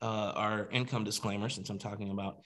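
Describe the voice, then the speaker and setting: A man coaching his team in an energetic, casual motivational training over a video call. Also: lowish voice, a little fast. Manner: energetic, emphatic, casual, repeats "you gotta".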